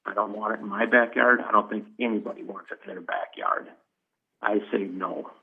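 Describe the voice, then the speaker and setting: A man's voice: lowish voice, steady tone, moderate pace, vocal fry, breathy edge. Blunt middle-aged male caller on speakerphone, thin phone-line sound. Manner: plainspoken, blunt. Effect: on speakerphone over a phone line. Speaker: caller giving public comment. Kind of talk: public comment at a county meeting. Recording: tinny phone line over a room speaker.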